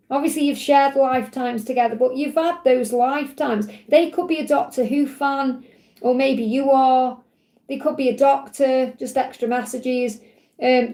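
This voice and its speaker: A middle-aged woman with a slightly croaky voice, giving a live tarot love reading in a reassuring, repetitive way. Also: high-pitched, dark tone. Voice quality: slightly croaky when hot. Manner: reassuring, repeats points in parallel phrases. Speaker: tarot reader, live show host.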